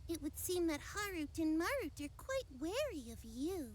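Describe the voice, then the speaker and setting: A woman's voice: extremely high pitch, big pitch swings, normal speed. A woman voicing a young girl fortune teller in a video game, speaking in a lofty, archaic goddess-like oracle manner. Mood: mystical, theatrical. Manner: grand goddess-like oracle speech, archaic and theatrical. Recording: music playing behind the voice.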